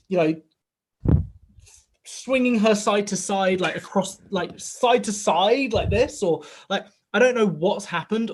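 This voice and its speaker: A man in his thirties with a slightly raised voice, talking in a loose, conversational way. He tells stories in long, rambling runs, peppered with "like" and "right?", and animates the dialogue as he goes. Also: high voice. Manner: acts out quoted dialogue in the story. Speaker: podcast co-host, father of a young boy. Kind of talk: casual chat.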